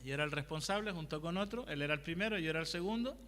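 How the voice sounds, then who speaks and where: A man's voice: on the high side, racing, fairly bright tone. A male pastor preaching a conversational sermon, asking the congregation questions and telling personal anecdotes. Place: church hall. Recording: long hall reverb.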